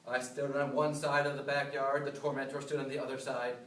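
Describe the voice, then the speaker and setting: An American man delivering a memorized humorous speech to an audience, with deliberate pauses and self-deprecating punchlines. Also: mid-range voice, level tone, a bit bright. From upstate New York, USA. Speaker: contestant giving a humorous club speech. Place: live speech in a room. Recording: roomy, distant mic, some noise.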